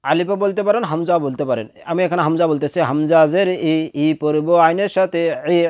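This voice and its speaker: A man's voice: on the high side, a little fast, darkish tone, dry recording, studio quality. A man teaching Quran reading, patiently spelling out letters and vowel marks, repeating each syllable and asking then answering his own questions. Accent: Bangladeshi Bengali. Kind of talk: slow spelling-out lesson, drilling letters and vowels.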